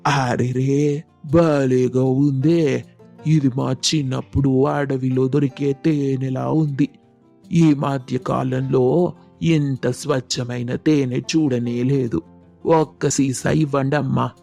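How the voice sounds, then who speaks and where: A man voicing a kindly old village man in an animated story, speaking slowly and drawing out his words. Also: medium pitch, vocal fry, faint music behind. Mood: delighted.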